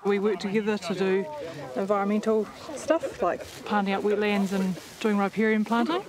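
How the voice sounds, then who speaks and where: A woman's voice: mid-range voice, fairly even intonation, moderate pace, a crowd in the background. A young woman with a New Zealand accent, a farmer talking earnestly and chattily in a documentary interview. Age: young adult. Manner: earnest, chatty, with fillers like "like" and "actually". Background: background music.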